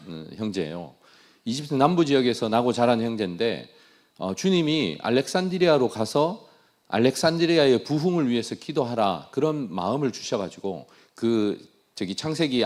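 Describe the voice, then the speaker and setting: A man's voice: fairly low pitch, a little mellow. A man from Daegu with a Gyeongsang accent, a missionary giving an earnest, self-deprecating testimony in a sermon, often repeating his phrases. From Daegu, South Korea.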